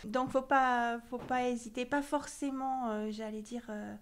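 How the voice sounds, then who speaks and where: A woman from France, president of an association, chatting in an interview in a lively way with hesitant fillers. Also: a little high, measured pace, slight background noise. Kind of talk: casual interview chat.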